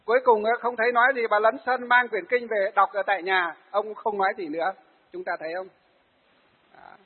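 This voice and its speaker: A Buddhist monk, giving a sermon to lay followers and telling stories of them in a lively way. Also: male voice, high-pitched, a little fast, slightly rough. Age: 40s. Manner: storytelling, acts out the people he tells of. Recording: phone-like, hall reverb.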